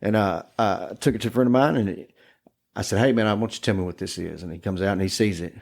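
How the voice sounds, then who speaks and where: A man's voice: on the low side, fast talker, vocal fry. Man, rambling ghost-story teller, cusses a lot, chatty podcast guest. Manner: rambling, profane, laughing through his story. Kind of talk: casual ghost story chat.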